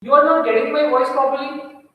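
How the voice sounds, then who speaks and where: A high-voiced man teaches slowly and deliberately, checking in with his class as he goes. His voice booms back at him with a thick cave echo. It has a long hall tail and sounds set well back from the mic. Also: steady tone, lo-fi sound. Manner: slow, deliberate explaining, checks in with "all right" and "okay". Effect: heavy cave-like echo on the voice. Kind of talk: online class lecture. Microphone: distant laptop or room mic in an online class. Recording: echoey, reverberant audio from a mic far off.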